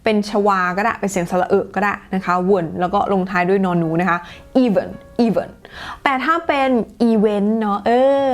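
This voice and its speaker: A woman's voice: mid-range voice, a bit bright, soft background music. Chatty woman teaching pronunciation. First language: Thai. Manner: chatty, models words slowly and clearly. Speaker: English teacher. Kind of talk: casual pronunciation lesson.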